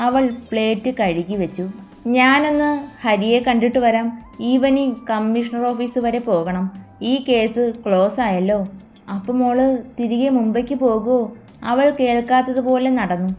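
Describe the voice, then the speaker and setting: A woman reading a romantic family story aloud, voicing every character in the same soft, even way. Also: fairly high pitch. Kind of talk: scripted romance narration with character dialogue.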